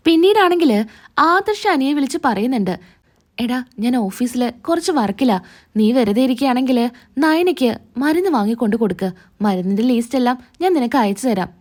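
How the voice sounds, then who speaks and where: A woman's voice: on the high side, darkish tone. A woman narrating a recap of a TV serial episode, reading out every character's lines in her own plain storytelling voice.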